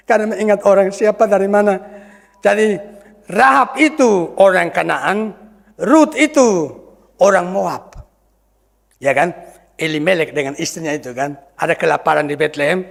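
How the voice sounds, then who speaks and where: High-voiced preacher in a reverberant church. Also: male voice, creaky. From Indonesia. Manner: asks the congregation questions, animated emphasis. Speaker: pastor. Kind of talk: sermon. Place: church hall.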